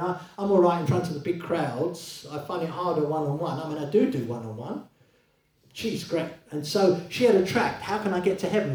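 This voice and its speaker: A man preaching a sermon in a church, conversational and lively, with many rhetorical questions to the congregation. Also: high voice. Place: church hall. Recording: echoey hall, voice from a distance.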